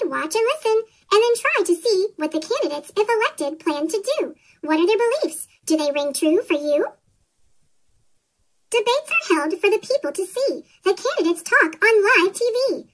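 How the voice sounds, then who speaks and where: A squeaky cartoon chipmunk voice, made with a pitched-up effect, reading a rhyming children's storybook aloud in a bouncy sing-song way. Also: fairly bright tone. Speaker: story narrator. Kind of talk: scripted children's storybook read-aloud in rhyme.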